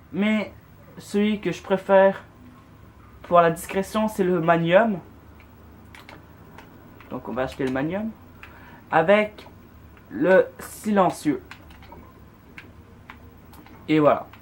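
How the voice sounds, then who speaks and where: A gamer giving a casual, unscripted walkthrough, speaking informally to viewers in a hesitant, self-correcting way. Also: medium pitch. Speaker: video game player presenting loadouts.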